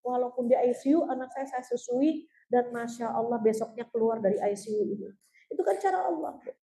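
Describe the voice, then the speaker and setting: An earnest woman religious teacher telling personal stories and turning often to her listeners, her voice fairly high yet mellow and warm. She sounds roomy and echoey, as if recorded in a hall. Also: brisk. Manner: storytelling, keeps addressing listeners as "Bu"; earnest, heartfelt. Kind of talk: religious talk answering audience questions.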